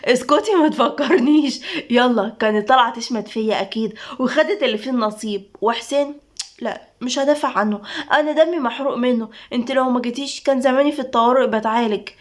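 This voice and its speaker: A woman's voice: on the high side, steady tone, fast talker, close to an everyday voice. A woman reading the part of a wounded but wry young married Egyptian woman in a spoken story, with an Egyptian accent. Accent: Egyptian Arabic.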